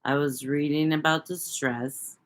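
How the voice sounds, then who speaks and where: A woman's voice: sits low, steady tone, unhurried. A woman hosting a casual livestream, talking loosely to viewers, rambling and swearing freely. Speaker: livestream host reading viewer chat.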